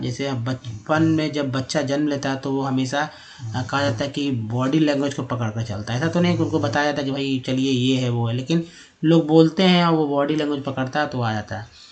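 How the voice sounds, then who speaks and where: A man teaching English from India, explaining over slides in a patient way, repeating sounds slowly with many fillers. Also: medium pitch.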